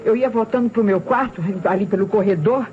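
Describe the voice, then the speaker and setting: A woman with a mid-range voice close to her everyday one speaks fairly quickly as a deferential, jittery maid with a Brazilian accent, stuttering and repeating herself. The muffled old radio mystery recording carries music and slight background noise.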